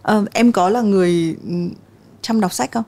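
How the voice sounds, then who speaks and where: A middle-aged woman hosts a relaxed podcast interview. Her voice is mellow and dark, and she asks thoughtful, open questions with plenty of filler sounds. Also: mid-range voice, moderate pace. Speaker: podcast host.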